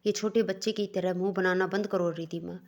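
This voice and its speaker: A man's voice: high-pitched, steady tone, a little fast. A woman voicing a stern young husband. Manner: scolding, curt. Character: stern young husband, cold but caring.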